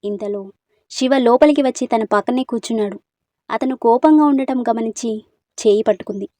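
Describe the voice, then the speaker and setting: Soft-spoken woman storyteller. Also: fairly high pitch, brisk, no echo. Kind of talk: storybook narration.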